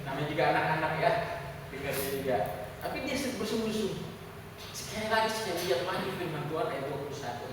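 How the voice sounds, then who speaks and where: A man's voice: fairly high pitch, lively intonation, quick pace. A man preaching in a church service, telling a candid personal story and speaking directly to the congregation. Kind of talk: conversational testimony sermon. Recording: echoey hall from far off, faint hiss.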